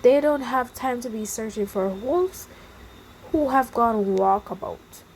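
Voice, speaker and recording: A woman's voice: on the high side, animated, unhurried, a little mellow, a little hiss or hum, low-quality recording. A woman reading as a stern werewolf pack leader. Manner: firm, dismissive.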